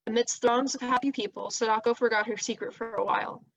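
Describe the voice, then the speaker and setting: A woman reading a children's novel aloud, with steady, expressive storytelling. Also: a little high, fast, rough recording. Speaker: reader.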